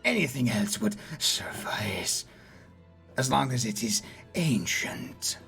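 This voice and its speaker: A man voicing a sinister old coroner in a tabletop game, with a breathy, whispery voice and a slow, halting, dry clinical delivery. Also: medium pitch, animated, a bit bright, soft background music, heavily acted. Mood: cold, measured.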